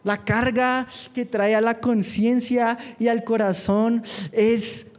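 A man preaching to young people with a fervent drive. His voice sits high, and he mixes earnest appeals with quick, joking asides. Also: level tone. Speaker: youth preacher. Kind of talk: sermon. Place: church youth meeting.

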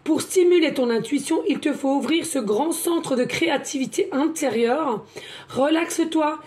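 A woman talks through a tarot card reading. She is chatty, repeats words and fills pauses as she goes. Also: sits high, a little mellow. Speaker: card reader, medium.

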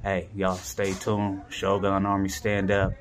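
This man's voice sits low, and his delivery is completely flat and a little slow as he explains a household repair to viewers in slangy, catchphrase-heavy talk. He's an HVAC technician with a handyman vlog, standing indoors next to air-conditioning equipment. A handheld phone behind the camera captures the noisy, clicking audio.

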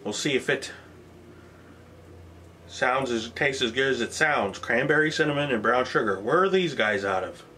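A man's voice: mid-range voice, expressive, normal speed, pauses often, pushed and bright, a little hiss or hum. A man casually reviewing beers on camera, plainspoken and modest as he thinks aloud about the taste. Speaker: beer reviewer. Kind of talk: casual product review vlog.

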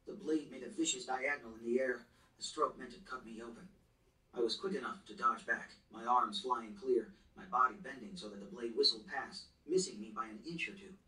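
Brief: male audiobook narrator, tense first-person telling, mid-pitched, miked from a distance in an echoey room. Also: brisk, pushed and bright. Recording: roomy echo, distant mic, faint ambience.

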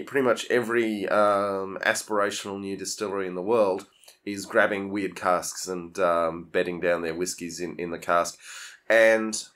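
A man with a low voice hosts a relaxed chat. He talks loosely and hesitantly, full of ums and restarts. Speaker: podcast host. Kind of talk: casual chat.

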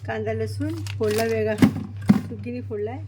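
A woman's voice: fairly high pitch, moderate pace, very noisy. A woman vlogging casually at home, showing things around the house and coaxing her pets in a sing-song baby-talk voice.

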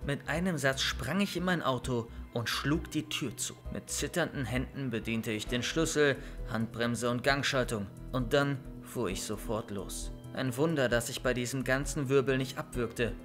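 Young male storyteller for a bedtime creepypasta, even mid-pitched voice, soft music underneath. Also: normal speed, hardly any pauses. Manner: calm storytelling, loud shouted calls in scenes. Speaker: narrator of horror stories. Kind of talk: scripted first-person horror narration.

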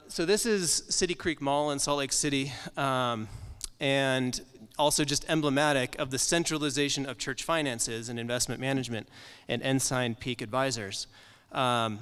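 A man's voice: medium pitch, a bit bright, clean tone, long reverb tail. A man in his thirties giving a conference presentation from slides in a library meeting room, talking casually with frequent ums and uhs. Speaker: conference speaker.

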